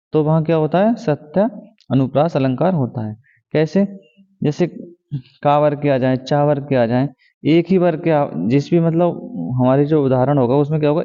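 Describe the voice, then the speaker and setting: A man teaching a grammar lesson, who keeps asking rhetorical questions and answers them himself, repeating key words and slowing down to read examples. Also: fairly high pitch. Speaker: exam coaching teacher. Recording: tinny phone-like sound with long reverb.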